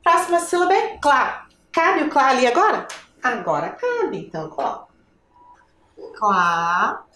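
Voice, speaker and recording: A woman's voice: high voice, wildly swooping pitch, moderate pace, fairly bright tone, roomy sound. A woman teacher with a Brazilian Portuguese accent, giving a patient lesson to children and asking the viewer questions.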